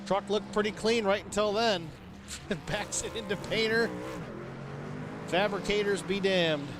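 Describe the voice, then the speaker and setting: A man calling a sim truck race as booth commentator, energetic and excitable in his play-by-play. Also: sits high, a little slow, noisy background. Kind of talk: sim racing broadcast commentary.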